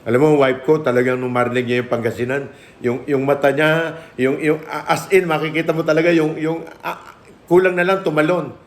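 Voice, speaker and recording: A man's voice: fairly high pitch, fairly quick. Middle-aged preacher man telling a testimony. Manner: mixes Filipino and English, lively storytelling with voiced quotes. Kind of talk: testimony sermon.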